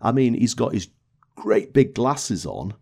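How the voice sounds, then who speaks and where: A man with a fairly low voice talks excitedly about a film on a casual podcast. He often restarts his sentences and breaks into laughter as he recalls scenes. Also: measured pace, creaky, husky. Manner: animated, laughing, many restarts and fillers. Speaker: podcast co-host. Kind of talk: casual film review chat.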